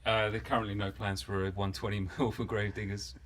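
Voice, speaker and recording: Excitable low-voiced male game designer. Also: quick pace, slight background noise. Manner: excitable, joking, then earnest explanation. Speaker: miniatures game designer on a panel. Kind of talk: casual chat.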